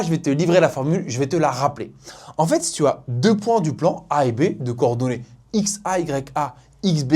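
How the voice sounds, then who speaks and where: A woman's voice: sits low, mellow, husky. A woman with a Norman French accent teaching a math lesson, playful and speaking directly to the student.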